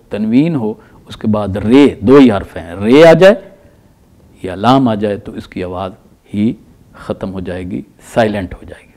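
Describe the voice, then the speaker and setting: A middle-aged man teaching recitation rules, explaining slowly and repeating examples with drawn-out chanted words. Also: medium pitch, mellow. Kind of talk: tajweed lesson.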